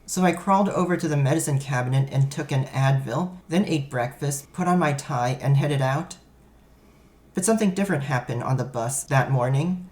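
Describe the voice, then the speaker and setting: A man's voice: mid-range voice, normal speed, a little mellow. A man reading a first-person story aloud, in a wry, self-mocking storytelling manner. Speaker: narrator.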